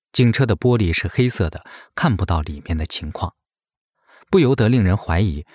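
Male narrator, low and expressive, serious investigative read, dry booth sound. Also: slightly rough, no room sound. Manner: grave, suspicious questioning tone.

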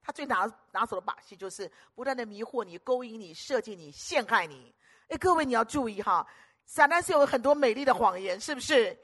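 A woman's voice: on the high side, lively intonation, brisk, fairly bright tone. An older woman preaching a sermon, emphatic, repeating phrases in lists and putting questions to the audience.

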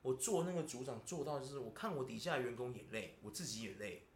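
A man's voice: mid-range voice, fast, slight background noise. A man with a Taiwanese Mandarin accent, hosting a podcast and venting in casual chat, constantly asking "you know?". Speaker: podcast host. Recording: roomy echo.

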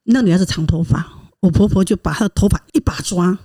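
A woman's voice: fairly low pitch, quick pace, slightly rough. A middle-aged woman, recounting a personal story to a relative in casual chat, rambling and restarting as she goes. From Taiwan. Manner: rambling, animated retelling with restarts. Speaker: guest, host's aunt.

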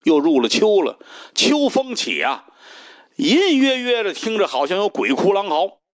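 Male storyteller, lively pitch swings, dry close sound. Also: normal speed, dry recording. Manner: animated, dramatic pacing. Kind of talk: traditional solo storytelling.

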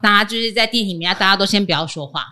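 Bright-voiced woman teacher, playful. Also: medium pitch, racing. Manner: playful, jokey asides. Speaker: teacher and guest. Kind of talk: casual chat.

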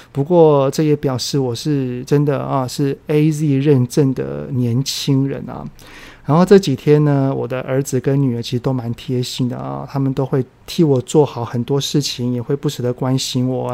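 A man in his forties with a Taiwanese Mandarin accent, hosting a solo podcast and telling stories in a relaxed way with drawn-out sentence-final particles, while he is still recovering from a fever. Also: medium pitch, vocal fry. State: recovering from a post-vaccine fever. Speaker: podcast host, parenting educator. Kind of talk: casual solo podcast talk.

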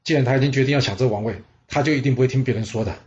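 A man's voice: medium pitch, rapid-fire, slight background noise, lightly acted. Man voicing a humble brave butcher, earnest and raised, slightly dull audio-drama sound. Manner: raised excited voice.

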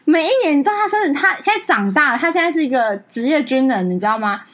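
A young woman co-hosting a podcast, chatting casually and telling a personal story with animated acted-out dialogue. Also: high voice, fast. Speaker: podcast co-host. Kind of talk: casual chat.

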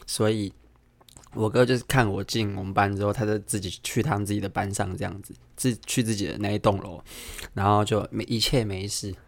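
A young man with a low voice and a Taiwanese Mandarin accent tells a story from his school days in a casual podcast monologue. He jumps into the voices of the people in his story with lively energy. The sound is close and dry, with no room around it. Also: fairly quick, vocal fry, no room sound. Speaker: podcast host.

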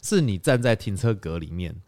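A man's voice: lowish voice, normal speed. A man, co-hosting a podcast and animatedly retelling a story in casual chat. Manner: animated, retells scenes with acted quotes. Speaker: podcast co-host.

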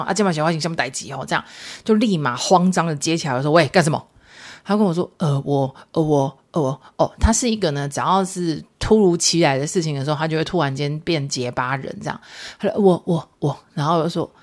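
A woman podcast host with a Taiwanese Mandarin accent, telling everyday stories in a chatty, casual monologue mixed with Hokkien phrases. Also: fairly low pitch.

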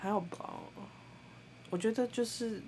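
A young Taiwanese woman with a Taiwanese Mandarin accent, co-hosting a podcast and telling a story in a blunt, animated way, laughing often. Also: a little high, measured pace, slight background noise. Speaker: podcast co-host. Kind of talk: casual storytelling chat.

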